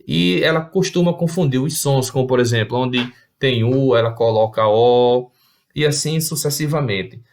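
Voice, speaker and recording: A man's voice: mid-range voice, moderate pace, a little mellow. Man explaining a video lesson. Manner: explanatory, many restarts and fillers. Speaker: teacher.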